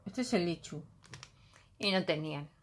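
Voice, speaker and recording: A woman's voice: on the low side, lively intonation, moderate pace, a little hiss or hum. A middle-aged woman from Spain, with a Basque Country Spanish accent, chatting casually through a craft haul, thinking aloud and humming filler sounds while she unpacks at a table at home.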